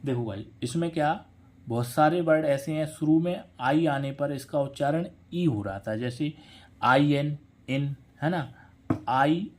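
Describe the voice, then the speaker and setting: A man's voice: on the high side, unhurried, a little mellow. A man teaching English pronunciation. He talks patiently, repeats each word and spells it out letter by letter. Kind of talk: spelling lesson, letters read out slowly.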